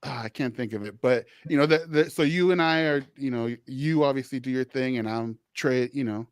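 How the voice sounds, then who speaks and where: A man's voice: medium pitch, fairly quick, smooth, dry recording, clean studio sound. A man hosting a social work podcast who talks in a rambling, conversational way, restarting sentences and filling gaps with "you know". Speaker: podcast host, social worker.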